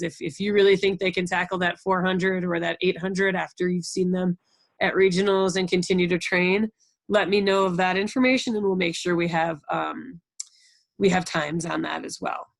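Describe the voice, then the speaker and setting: A woman with a fairly low, creaky voice, recorded without echo, coordinates a program and runs a conference call for coaches. The American gives an informal, encouraging instructional briefing and checks in with the group often.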